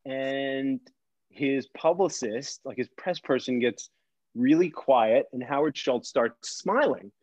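A man on a podcast telling a story in an animated, casual way, saying "like" a lot and acting out the voices. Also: mid-range voice, takes it slowly, dry recording, muffled recording. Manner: excitable, heavy use of "like", acts out voices.

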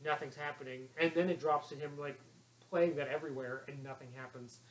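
Casual swearing man, slightly high voice. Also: fairly even intonation, low-quality recording. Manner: enthusiastic, swears freely, talks in quick runs. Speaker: podcast co-host. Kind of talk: casual movie discussion.

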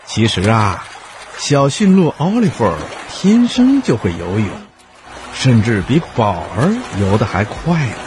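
Expressive male children's storyteller. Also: medium pitch, measured pace, noisy background. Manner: gentle and expressive. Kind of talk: children's bedtime story narration.

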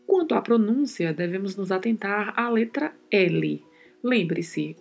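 A woman hosting a language-lesson podcast, explaining meaning and pronunciation slowly and carefully, repeating words as drills. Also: mid-range voice, creaky, husky.

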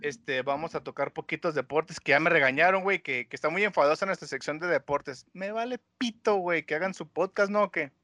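A man's voice: on the high side, a little fast, few pauses, sharp tone, no room sound. A man with a Mexican accent hosting a podcast in casual, slangy banter. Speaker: podcast host.

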